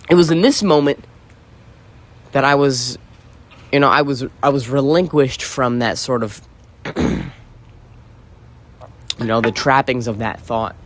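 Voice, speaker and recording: A man's voice: mid-range voice, animated, slow, vocal fry, pauses often. A man talking in a loose, rambling solo monologue, swearing freely and leaning on "you know" fillers. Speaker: podcast host.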